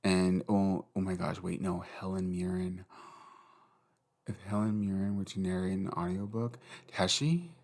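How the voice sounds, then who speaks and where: A man's voice: low-pitched, fairly even intonation, a little slow, vocal fry, darkish tone. A young man hosting a casual solo podcast, rambling and giggly, swearing freely. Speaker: podcast host.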